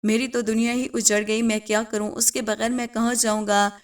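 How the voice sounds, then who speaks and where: A grieving father who laments in a flat, sorrowful voice, as a woman narrator puts him on. The voice stays high and sounds a little distant from the mic. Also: lightly acted. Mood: distraught. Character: grieving, trusting father, adult man.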